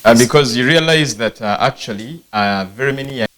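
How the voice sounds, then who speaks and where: A man, hosting a studio discussion and speaking in a measured, reflective way with many fillers. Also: mid-range voice, a bit bright. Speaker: host.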